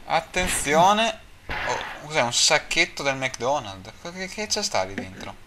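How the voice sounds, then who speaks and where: High lively man commentating a game. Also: slow pace, noisy background. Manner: loud, joking, swearing. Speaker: let's play commentator. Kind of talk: excitable gameplay commentary. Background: game music.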